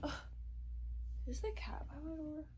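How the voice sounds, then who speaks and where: A woman's voice: sits high, unhurried, dark tone. A woman vlogging casually late at night from her bedroom while eating, grumbling and swearing a lot, sometimes dropping to a whisper. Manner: profane, grumbling, drifting into whispers.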